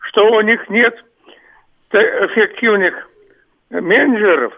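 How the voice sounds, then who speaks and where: Man calling in over a tinny phone line. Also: high-pitched. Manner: halting, stumbling over words. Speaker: caller.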